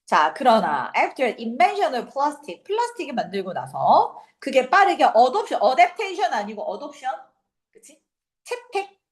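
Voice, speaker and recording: A woman teaching an English reading passage for a high school exam, explaining it casually and acting out quick asides and rhetorical questions. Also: huge pitch swings. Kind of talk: exam prep lecture.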